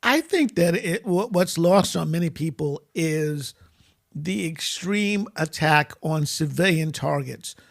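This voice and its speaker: A man hosting an interview, asking measured, reflective questions. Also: a little high, lively intonation, gravelly. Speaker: interview host. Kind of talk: conversational interview.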